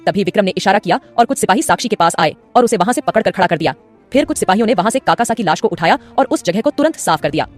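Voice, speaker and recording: A woman storyteller narrating a dramatic serial tale with brisk cliffhanger delivery. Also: medium pitch, animated, soft background music.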